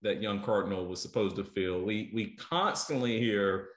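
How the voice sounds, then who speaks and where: A man's voice: on the low side, normal speed. A middle-aged man, interviewing a guest over a video call, thinking aloud with many fillers and repeated words. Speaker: interviewer, food show host. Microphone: earbuds on a video call. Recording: roomy video call audio.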